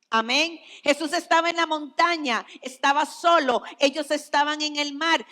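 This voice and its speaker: A woman pastor from Costa Rica preaching a sermon, slow and emphatic, dropping at times to a hushed voice. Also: sits high, big-room sound. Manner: slow, emphatic preaching with dramatic drops to near whispers. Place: church.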